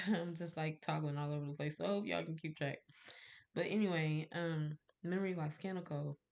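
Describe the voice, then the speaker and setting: A deep, gravelly female voice with fairly even intonation and a moderate pace, thick and nasal from a cold. She talks casually to the camera about making candles, rambling with fillers and little laughs.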